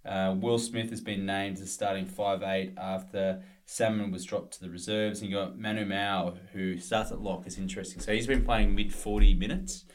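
A man's voice: fairly low pitch, steady tone, normal speed, few pauses. A male podcast co-host in casual sports chat, rambling through team news with plenty of fillers.

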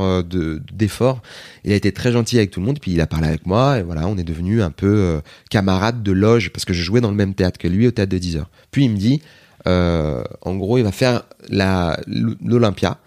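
A man's voice: on the low side, no echo, clean studio sound. Chatty French-speaking man telling a story. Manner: chatty, digressive, animated retelling with quoted voices. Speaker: guest comedian. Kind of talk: casual interview storytelling.

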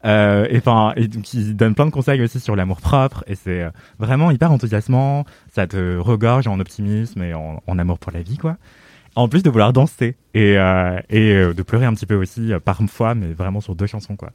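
Guy on a podcast, lowish voice, dry close sound, gushing fast with lots of euhs. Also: a little mellow, no room sound. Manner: gushing, fast, many fillers and restarts. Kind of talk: casual podcast chat.

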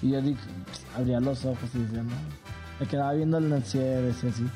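A man's voice: medium pitch, fairly even intonation, quick pace, music in the background. A man from León, Guanajuato, a podcast guest who speaks shyly and hesitantly with many fillers. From León, Guanajuato, Mexico. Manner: shy, hesitant, filler-heavy. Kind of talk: casual interview.

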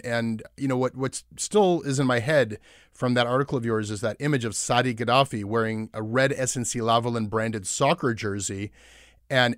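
A man's voice: mid-range voice, fairly bright tone, no echo, clean studio sound. A man hosting conversational news talk in an emphatic, wry manner. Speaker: podcast host.

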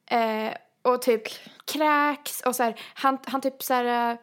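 A fairly high-voiced woman telling a story in relaxed conversation. She is animated, leans on fillers, and acts out the lines of the people in her story. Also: clear, resonant tone. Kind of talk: casual chat, storytelling.

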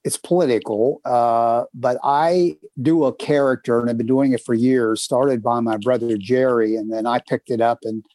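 Here a man co-hosting a podcast from his northern Kentucky home chats and tells stories, peppering his promotion of upcoming segments with fillers. His mid-range voice has a darkish tone and fairly even intonation, moving at a moderate pace with hardly any pauses, in a dry recording.

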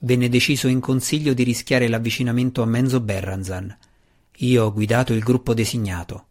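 A man voicing a gruff, weary deep gnome man weighed down by guilt, speaking slowly and in a low grumble. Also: steady tone, darkish tone, close to an everyday voice.

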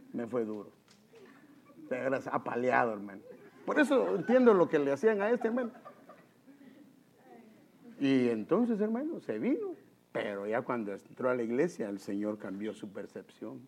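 A man's voice: mid-range voice, moderate pace, vocal fry, long pauses, husky. A man preaching a sermon, telling stories and repeatedly calling his listeners brother. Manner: animated, addresses the congregation as brother. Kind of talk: sermon with storytelling.

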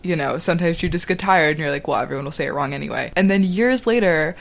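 A young woman hosting a podcast, telling casual stories in a chatty voice full of fillers and quick laughs. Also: low voice, gravelly. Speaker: podcast host. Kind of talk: casual storytelling monologue.

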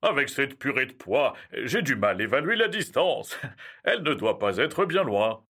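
A man playing a jolly, carefree old Father Christmas in an audio story, calm and reassuring. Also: mid-range voice, moderate pace, breathy edge, heavily acted. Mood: jovial.

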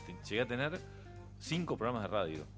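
A middle-aged man with a Uruguayan accent, a radio interview guest chatting casually and telling animated stories with frequent laughter. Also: medium pitch, a little fast, music in the background. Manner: animated storyteller, laughs often.

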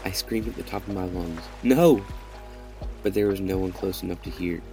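This is a deep, warm male voice with a flat delivery and a quick pace. The young podcast host is reading his own horror tale in dramatic first-person style over background music.

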